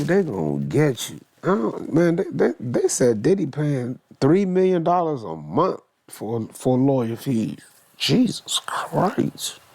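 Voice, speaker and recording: A man's voice: medium pitch, vocal fry, a little mellow. A man giving joking, blunt commentary, reacting to a news clip. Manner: joking, blunt, slangy rambling with interjections. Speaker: reaction video host.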